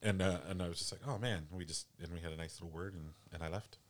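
A man telling a personal story in casual chat, halting and full of restarts. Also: sits low, fairly even intonation, slight background noise.

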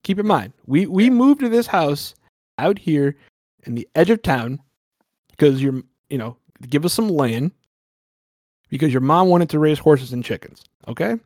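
A man's voice: a little high, expressive, unhurried, darkish tone, dry recording, studio quality. A man voicing a playful middle-aged father in a cheesy Dracula costume, laying down the rules in a mock-stern way.

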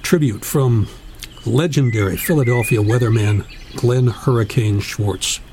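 A man's voice: medium pitch, a little slow, background noise. Man solemnly reading a written tribute. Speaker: narrator.

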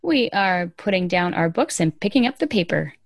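A woman hosts a podcast, giving casual, conversational commentary on the news in an informal, emphatic way. Her fairly low voice is very animated at a normal speed, and the recording is studio quality with no room sound.

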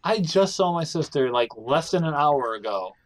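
A man's voice: a little high, expressive, normal speed, poor audio. A man playing a tabletop game in character, rambling and flustered, full of restarts. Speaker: player.

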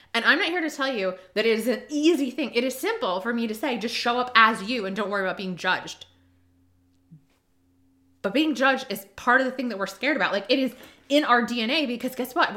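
A woman's voice: fairly high pitch, bright, forceful tone. A woman from Rhode Island hosting a podcast, riffing emphatically in a casual monologue with lots of asides. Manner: emphatic, repeats key lines, riffs with many asides. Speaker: podcast host.

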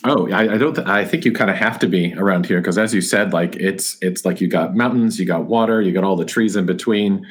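Deep, husky man chatting casually. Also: brisk, few pauses. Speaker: guest, board game designer and artist. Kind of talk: casual interview chat.

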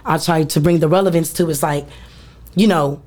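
A woman's voice: deep voice, fairly even intonation, moderate pace, darkish tone. A woman in her thirties, a rapper, talking candidly and emphatically in a casual interview, often adding "you know what I'm saying". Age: 30s. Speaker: rapper and singer, interview guest.

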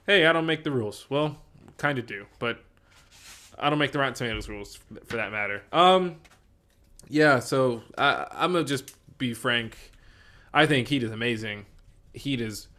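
Bright-voiced, rambling male podcast host. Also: mid-range voice. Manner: rambling, swears freely, laughs easily. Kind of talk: casual movie bracket chat.

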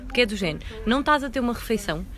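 Fast-talking young woman. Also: a little high, lively intonation. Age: young adult. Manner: slangy, blunt, laughs easily. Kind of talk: casual chat.

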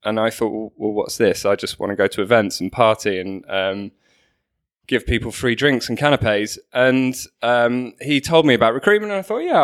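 A podcast interview guest from Manchester, England, a company co-founder, tells his story in a light, joking, self-deprecating way. His mid-range voice is a bit bright.

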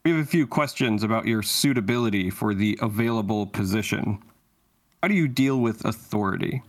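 A man playing a formal, deadpan male human resources interviewer in a comedy sketch. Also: on the low side, fairly quick, close to an everyday voice.

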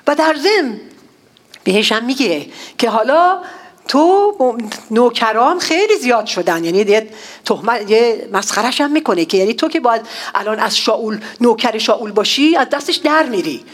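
Animated woman preaching a sermon. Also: on the high side. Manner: animated storytelling, acting out characters' outbursts. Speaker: pastor.

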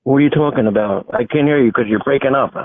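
A man in his sixties from Brooklyn, calling in about a shipping problem over a buzzy, glitchy phone line. He talks in an insistent, halting way and repeats himself. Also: medium pitch, no room sound. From Brooklyn, New York. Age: 60s. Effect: buzzy, glitchy phone call audio. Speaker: caller with a shipping complaint. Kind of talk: phone call. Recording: tinny dry phone line.

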